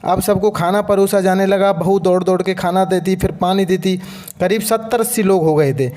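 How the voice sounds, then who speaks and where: A man narrating a family story in storybook style, reading steadily and plainly. His voice sits notably high for a man. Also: moderate pace, darkish tone.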